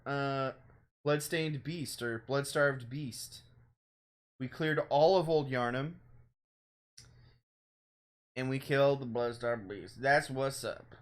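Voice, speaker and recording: A young man chatting casually through a game stream, rambling and excitable, exclaiming at the game as he plays at home. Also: mid-range voice. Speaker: let's play streamer. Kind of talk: casual gameplay commentary. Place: home room.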